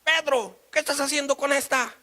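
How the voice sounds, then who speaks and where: A man playing a shrill scolding wife. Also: very animated, fairly quick, sharp tone, exaggerated voice. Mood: angry. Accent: Mexican Spanish. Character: nagging wife catching her cheating husband.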